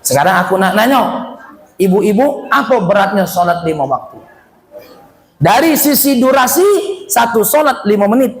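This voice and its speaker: A male preacher giving a lively sermon to a congregation, with a South Sumatran Malay accent, animated and acting out voices. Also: high voice, moderate pace, long pauses. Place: hall with audience. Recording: echoey hall.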